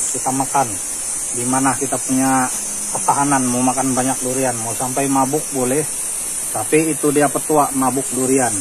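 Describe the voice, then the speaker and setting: A middle-aged Malaysian man talks through his durian harvest in a steady, flat voice. He is out on a hillside, with clear outdoor noise in the background. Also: medium pitch. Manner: relaxed explaining, steady even delivery. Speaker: vlogger. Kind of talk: casual outdoor vlog.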